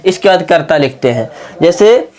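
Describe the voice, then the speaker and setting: A man's voice: fairly high pitch, animated, moderate pace, darkish tone. A man teaching a spoken grammar lesson. He repeats his points and keeps putting rhetorical questions to his friends. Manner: repetitive, asks the class rhetorical questions and keeps calling them friends.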